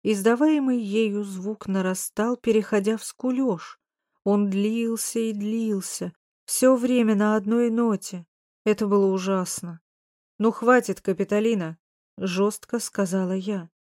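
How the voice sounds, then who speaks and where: A woman reading a first-person audiobook, firm, measured and precise in her delivery. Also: mid-range voice, fairly even intonation, mellow, no echo, clean studio sound. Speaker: audiobook narrator.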